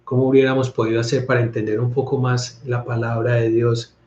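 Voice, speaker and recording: A man's voice: medium pitch, flat delivery, brisk, darkish tone. Man, priest from Colombia, casual scripture talk, trips over words, echoey room, slightly muffled sound. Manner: conversational, stumbles and restarts words. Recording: roomy, slightly dull recording.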